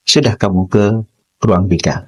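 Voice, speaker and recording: A middle-aged man, a teacher, telling a personal story on a podcast in an animated way, acting out dialogue. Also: low-pitched, moderate pace, husky.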